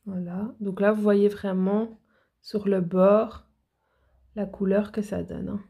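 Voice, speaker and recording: A woman chats eagerly to her viewers, full of "euh" fillers and restarts. Her mid-pitched voice has a gravelly, fry-laden edge. She sounds like a nail educator talking casually through a product haul. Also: flat delivery, slow pace, warm tone. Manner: chatty, enthusiastic, many fillers and restarts.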